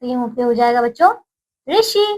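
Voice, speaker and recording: A woman teaching a Hindi lesson to young children, slow and sing-song, stretching each new word with a lift in her voice. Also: very high-pitched, very animated, fairly bright tone, poor audio. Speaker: primary school Hindi teacher.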